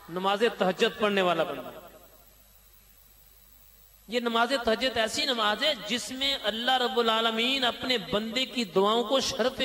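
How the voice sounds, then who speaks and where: A man's voice: high voice, a bit bright. A man preaching a sermon, exhorting listeners with chanting repetition. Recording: long hall reverb.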